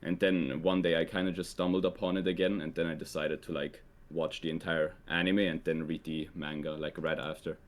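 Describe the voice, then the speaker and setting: Young guy, really low voice, laid back, lots of likes and ums. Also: a little fast, hardly any pauses. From Switzerland. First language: Swiss German. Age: young adult. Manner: relaxed, hesitant, heavy use of "like" and "um". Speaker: guest. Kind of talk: casual conversation.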